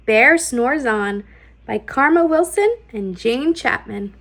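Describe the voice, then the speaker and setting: A woman hosting a children's storytime, reading aloud in an expressive, sing-song way with deliberate rhythmic phrasing. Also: fairly high pitch. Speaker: children's storytime host and read-aloud reader. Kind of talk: expressive picture-book read-aloud.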